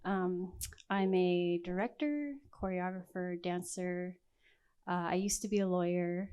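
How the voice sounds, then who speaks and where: A woman's voice: lowish voice, measured pace, dark tone, smooth, dull audio. A woman introducing herself on a panel in a self-deprecating way, laughing lightly and speeding up in bursts. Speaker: panelist, director and choreographer. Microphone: handheld mic.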